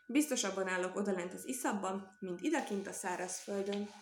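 A woman's voice: mid-range voice, close to an everyday voice. A woman voicing a cheeky, boastful old male tortoise who chuckles as he talks, in a roomy recording. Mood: sly. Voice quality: gleeful, chuckling. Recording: echoey room.

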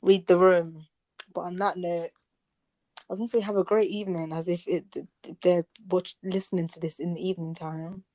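A woman's voice: on the low side, little pitch movement, dark tone, no room sound, clean studio sound. A tired young woman co-hosting a podcast, joking and chatting casually. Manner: joking, quick to laugh, chatty. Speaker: podcast co-host.

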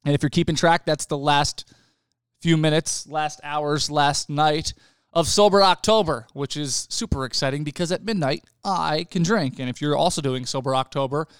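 A young man hosting a casual podcast from his home studio, chatty and quick to laugh, with loose restarts. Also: a little high, clean tone, no room sound. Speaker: podcast host.

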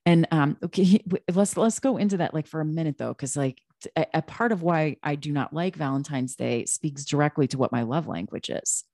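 A woman's voice: deep voice, fairly quick, dark tone, no echo, clean studio sound. A woman co-hosting a podcast, talking casually and emphatically, with frequent restarts and asides. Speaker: podcast co-host.

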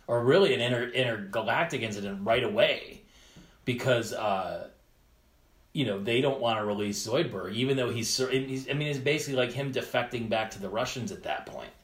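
A man's voice: mid-range voice, brisk. A man hosting a casual comedic podcast, rambling and exasperated, with swearing and a cave-like reverb on his voice. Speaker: podcast host. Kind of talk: casual comedic chat, recapping an animated show.

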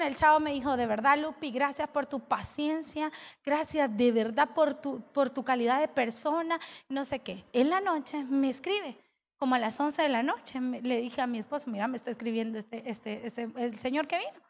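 A woman pastor, preaching a sermon and telling a story with animated, acted-out dialogue. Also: sits high, normal speed, long reverb tail.

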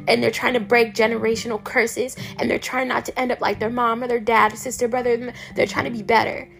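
A hoarse, raspy woman hosting a podcast, delivering an irritated, heated rant and cussing freely. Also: a little high. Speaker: podcast host. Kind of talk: ranting monologue.

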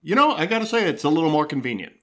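This middle-aged dad co-hosts a home podcast with his son from the dining room table, joking self-deprecatingly in casual chat. His voice is fairly high, very animated and very fast, with a sharp tone.

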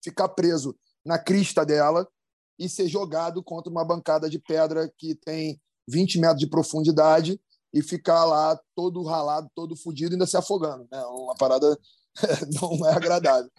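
Slangy, excited male surfer storyteller. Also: on the high side, moderate pace, no room sound, studio quality. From Brazil. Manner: slangy, excited, many restarts and sound effects. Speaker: professional big-wave surfer, guest. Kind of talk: casual storytelling in a podcast chat.

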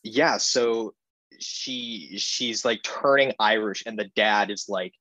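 A man's voice: lowish voice, takes it slowly, bright, forceful tone, poor audio. A man chatting casually as a podcast co-host, recapping a movie in a rambling, amused way with many fillers.

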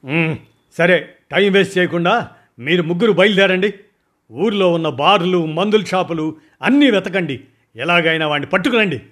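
Man doing a gruff, impatient boss. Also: high voice, lively intonation, normal speed, voice pushed up. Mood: impatient, demanding. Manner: barking, loud, demanding. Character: gruff impatient male boss, short-tempered.

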